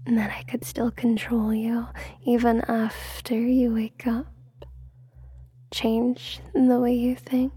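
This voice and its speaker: A woman whispers a role-play as a teasing, controlling hypnotist, very close to the microphone as if right in your ear. Her whisper is dark and soft, with little rise or fall. She lets the phrases out slowly and suggestively. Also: fairly high pitch, flat delivery, slightly rough. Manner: slow, unhurried, suggestive delivery.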